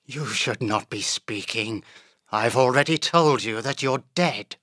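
Guy doing creepy calm sable assassin, hushed hiss, dry close mic. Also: mid-range voice, unhurried, no room sound, pitched above the performer's own voice. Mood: icy menace. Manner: quiet, icy, hissing menace. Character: cold, deadly male sable assassin, tall and lean.

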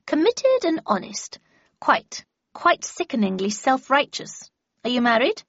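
A woman reader voicing an imperious, sharp-tongued older woman who speaks in clipped, scornful, commanding tones, on a dull lo-fi recording. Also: high voice, big pitch swings, measured pace, no echo, pitched above the performer's own voice, exaggerated voice.

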